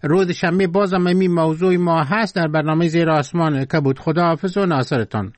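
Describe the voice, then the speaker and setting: Courteous radio host. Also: male voice, a little high. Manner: courteous, brisk. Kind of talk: hosting a call-in show.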